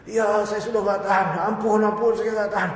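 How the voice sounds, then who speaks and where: A man's voice: sits high, level tone, brisk, pitched above the performer's own voice, natural voice. A male preacher voicing a king's assistant who, broken under torture, begs for mercy. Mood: pleading. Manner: pleading, broken. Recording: echoey mosque hall.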